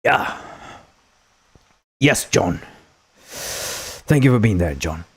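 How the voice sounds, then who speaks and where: A man's voice: on the low side, animated, very slow, vocal fry, breathy edge, no echo. A man whose first language is Spanish, hosting a game development livestream in a rambling, jokey way and thanking viewers often. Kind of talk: casual livestream chat.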